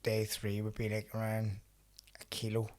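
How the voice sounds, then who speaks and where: A man's voice: fairly low pitch, monotone, normal speed, a little mellow. A man with a Northern Irish accent chatting casually and informally, with sweary, blokey banter, as a fighter on a podcast. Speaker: podcast co-talker, combat sports fighter. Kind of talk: casual chat.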